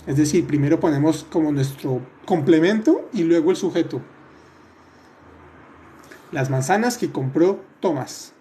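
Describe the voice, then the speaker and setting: A man with a fairly high, mellow voice teaches French in a live online class. He talks patiently, keeps checking that everyone is following, and corrects his students one by one by name. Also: lively intonation, a little slow, long pauses, a little hiss or hum. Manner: patient, repeats and checks with "¿listo?"; addresses students by name, corrects their answers.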